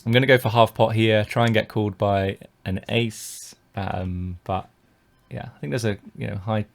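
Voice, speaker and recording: With a fairly low, gravelly voice, a steady tone and a moderate pace, a British poker coach comments informally on his live-streamed tournament play. He talks each decision through, musing aloud and often restarting or filling gaps.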